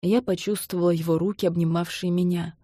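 A woman narrating a novel in the first person, in a measured, intimate storytelling manner. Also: on the low side, fairly even intonation, warm tone, no echo, clean studio sound. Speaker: audiobook narrator.

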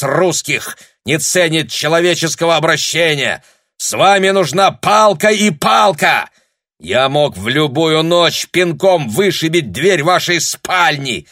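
A man's voice: on the high side, bright, forceful tone, dry recording, clean studio sound, pitched above the performer's own voice, heavily acted. A male narrator voicing a furious German army captain who bellows and rants with contempt in an audiobook.

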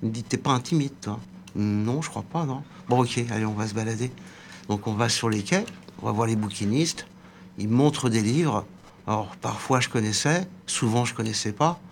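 A man's voice: lowish voice, moderate pace, gravelly, a little hiss or hum. A man in his sixties, a radio interview guest and former bookseller, recounting an anecdote and acting out the dialogue. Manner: lively storytelling, acting out quoted dialogue.

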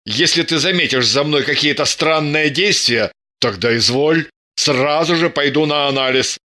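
A stubborn, indignant man scoffs in a gruff, scornful voice, as an actor voices him. His tone is bright and fairly high. The delivery suits a dramatic audiobook. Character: indignant, stubborn male detective.

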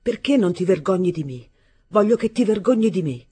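A furious teenage boy, put on by a woman reader who hurls harsh, scornful insults. His voice is raised and husky, with a dark edge. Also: low voice, lively intonation, normal speed, heavily acted.

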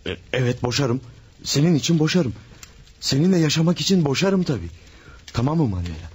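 In a mid-range, slightly rough and darkish voice, a man performs very animatedly and briskly in a radio drama in the 1970s mold. His character is an infatuated married man, impassioned, pleading and overwrought.

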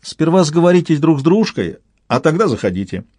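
A man's voice: a little high, sing-song, normal speed, a little mellow, breathy edge, no room sound, voice pushed up. A man voicing a sly, wary middle-aged peasant husband with rustic, mock-sweet speech. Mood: sugary, defiant.

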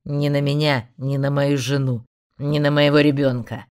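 A woman voicing a young male warrior who defends his wife and child, speaking with forceful, shouted defiance. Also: sits low, little pitch movement, normal speed, voice pushed down, lightly acted. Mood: defiant.

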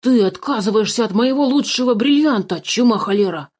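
A woman voicing a greedy, fussy old male dwarf in a storybook reading, excitable and quick to curse. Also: lowish voice, natural voice. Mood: excited grumbling. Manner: fussy, excitable, keeps cursing.

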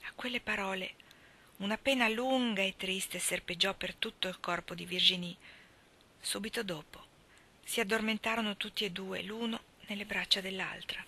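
Female literary reader: measured, expressive narration with soft whispered passages, bright voice. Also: mid-range voice. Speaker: reader of stories. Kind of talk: literary reading.

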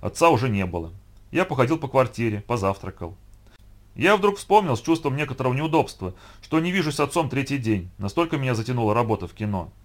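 A man narrating a first-person story in a steady, even storytelling voice. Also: medium pitch, quick pace. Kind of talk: audiobook reading of first-person prose.

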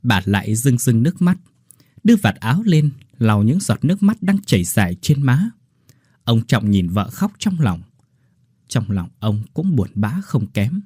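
A man reading a horror story aloud as a storyteller, with dramatic, expressive delivery. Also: mid-range voice, measured pace, slightly rough, no echo, clean studio sound. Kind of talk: scripted horror story narration.

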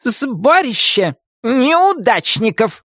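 A woman's voice: high-pitched, animated, unhurried, fairly bright tone, no room sound, studio quality, pitched above the performer's own voice. A woman voicing a furious, scolding old witch in an audiobook, shrieking and drawing out her angry words. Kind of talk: audiobook character voice.

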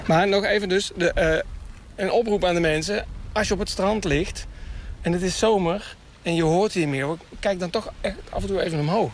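This man has a high voice and a moderate pace as he enthusiastically and casually explains bird calls for radio. He's recorded outdoors near water in a town, with background noise and gulls calling.

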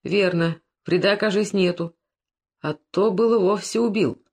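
A woman's voice: medium pitch, unhurried, a little mellow. A woman voicing a burly, simple-minded peasant thief who complains in a whimpering folk speech. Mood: plaintive.

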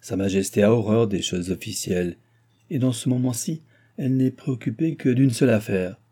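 A man's voice: medium pitch, normal speed, dark tone, husky, close to an everyday voice. A man voicing a proud royal favourite countess. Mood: assured.

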